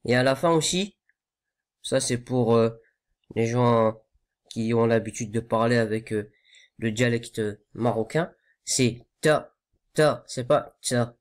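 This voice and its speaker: A man teaching correct pronunciation for recitation, patient and repetitive, modelling each sound again and again. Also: mid-range voice. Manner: slow, patient, repeats sounds to correct them. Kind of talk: tajwid lesson.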